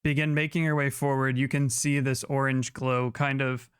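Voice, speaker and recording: A man narrates a tabletop fantasy game as its game master. His voice is smooth and clean, recorded dry and close, with improvised descriptions and asides to players. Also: medium pitch, flat delivery, moderate pace, fairly bright tone, no echo.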